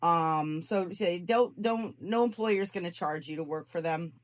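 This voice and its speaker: Speaking unhurriedly in a lowish voice, this scam investigator gives casual job advice over the phone. She warns repeatedly, going back over her points to drive them home.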